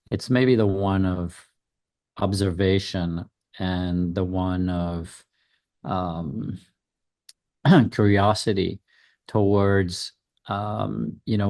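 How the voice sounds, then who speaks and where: Man in his fifties, interview guest; slow, musing delivery full of ums and restarts. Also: sits low, warm tone. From Switzerland. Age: 50s. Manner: thoughtful, hesitant, many ums and restarts. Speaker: guest designer. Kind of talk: casual interview answers.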